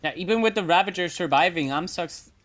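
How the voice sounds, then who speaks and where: A man casting a live esports match, giving brisk play-by-play and chuckling between calls. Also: sits high, a crowd in the background. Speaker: esports caster. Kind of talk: live game commentary.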